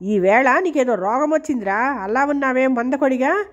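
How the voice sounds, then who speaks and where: A woman's voice: sits high, normal speed, natural voice. A woman reading the lines of an arrogant, mocking rich landlord who orders his servant around. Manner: taunting, bossy. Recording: dull lo-fi recording.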